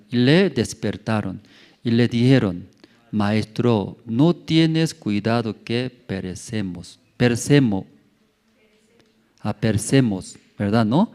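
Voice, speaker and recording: Preaching in a church, this man speaks at a medium pitch, repeating words and posing rhetorical question after rhetorical question. He rises to loud exclamations, then sinks almost to a murmur, with occasional non-native grammar.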